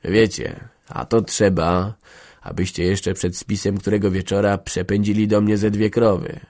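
A man reading an audiobook, voicing a sly village headman who coaxes in a slow, confiding way. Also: lowish voice, fairly even intonation, darkish tone, lightly acted. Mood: coaxing. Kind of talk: audiobook character voice.

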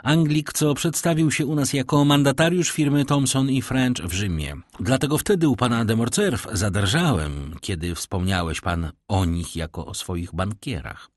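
A man's voice: medium pitch, normal speed, hardly any pauses, dry recording, clean studio sound, pitched above the performer's own voice, close to an everyday voice. A man voicing an urgent, imploring young man. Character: young man, agitated former officer.

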